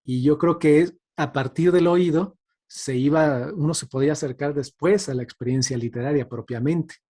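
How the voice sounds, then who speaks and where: Speaking at a normal pace, this guest speaker on radio drama has a slightly high, mellow, husky voice. His informal academic talk is thoughtful and hesitant, and he keeps seeking agreement with tag questions.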